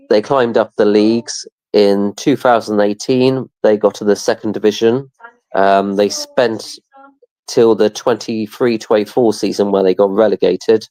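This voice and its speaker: Low mellow English co-host. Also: male voice, dry recording, low-quality recording. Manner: relaxed, brief reports with fillers. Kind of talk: casual livestream chat.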